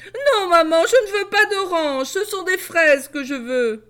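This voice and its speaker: A woman's voice: extremely high pitch, expressive, slow pace, bright, forceful tone, voice pushed up, heavily acted. A woman voicing a spoiled little girl who whines and sobs for what she wants. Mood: whiny. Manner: whining and tearful.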